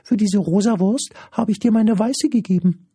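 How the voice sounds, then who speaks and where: A man voicing a small, cocky, childlike creature in an audiobook, pert, quick and argumentative. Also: warm tone, breathy edge, dry recording, clean studio sound. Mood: cheeky. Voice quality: very high squeaky put-on voice. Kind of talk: audiobook character voice.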